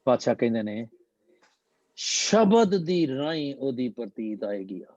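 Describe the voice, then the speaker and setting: A man teaching and explaining scripture in a slow, deliberate manner, slipping English phrases into his talk. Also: medium pitch, big pitch swings, darkish tone, dry recording, lo-fi sound. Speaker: Gurbani teacher.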